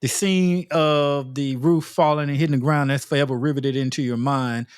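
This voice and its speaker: A male interviewer asking loose, halting questions full of fillers in a casual interview. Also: medium pitch, steady tone, clear, resonant tone, no room sound, clean studio sound.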